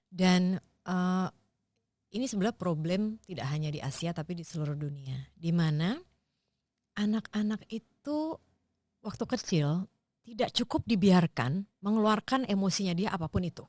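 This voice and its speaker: Brief: woman podcast guest, lowish voice, dry close recording, thoughtful and explanatory. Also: expressive, normal speed, a little mellow, no room sound. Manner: thoughtful, explains ideas step by step with examples. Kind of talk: explanatory casual conversation.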